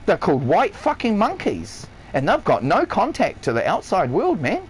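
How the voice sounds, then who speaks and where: High, wildly swooping ranting man. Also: wildly swooping pitch, moderate pace, husky, poor audio. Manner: blunt, heavily profane, emphatic rant. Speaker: chef streaming live. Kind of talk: ranting livestream monologue. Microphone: console headset or stream mic.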